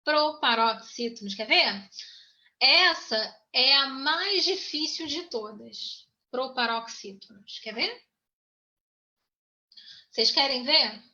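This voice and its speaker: A woman teaches a grammar lesson in a high, bright voice, taking her time over each point. She keeps repeating herself and checking that her students follow along. The recording sounds dull and lo-fi. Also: lively intonation, takes it slowly, pauses often.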